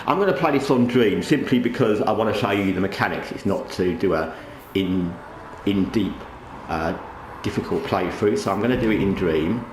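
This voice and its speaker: A man's voice: fairly low pitch, lively intonation, moderate pace. A man hosting a gaming channel in casual, rambling commentary, talking with a towel over his head. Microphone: microphone under a towel draped over the head. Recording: roomy echo, faint background noise.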